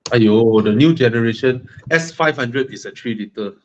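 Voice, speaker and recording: A man's voice: mid-range voice, normal speed, a little mellow, slight background noise. A man with a Malaysian English accent co-hosting a live car Q&A, mostly giving short, direct agreeing replies. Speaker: co-host of a car buying Q&A. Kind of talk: live stream casual chat. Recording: dull lo-fi stream audio.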